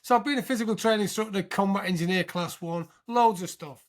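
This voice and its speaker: A British man in his sixties tells his story as a guest on an interview show, his voice pitched high. He talks in an animated way and often checks in with the listener. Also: quick pace. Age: 60s. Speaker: podcast guest, military veteran.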